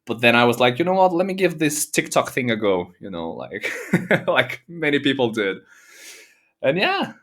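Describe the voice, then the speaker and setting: Chatty Brazilian-born man, relaxed. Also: medium pitch, normal speed. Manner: relaxed, chatty, many fillers and laughs. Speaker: guest, comedy content creator. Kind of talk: casual interview chat.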